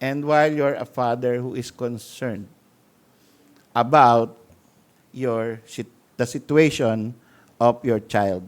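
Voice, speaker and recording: A man from the Philippines, preaching a church sermon with emphatic swings in loudness. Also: mid-range voice, takes it slowly, pauses often. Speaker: pastor. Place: church sanctuary.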